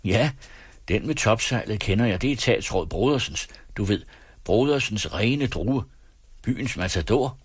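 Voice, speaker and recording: A man's voice: lowish voice, expressive, breathy edge, no room sound, studio quality, voice pushed up. A man voicing an eager middle-aged husband who enthusiastically points out the sights of his new town. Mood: enthusiastic.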